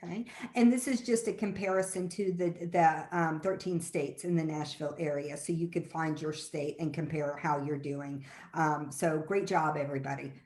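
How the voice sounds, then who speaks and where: A woman walks colleagues through data in an informal webinar style. Her voice sits a little low, and the room adds a clear echo around it. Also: steady tone, normal speed, darkish tone. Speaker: epidemiology staff presenter and moderator. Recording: echoey room sound.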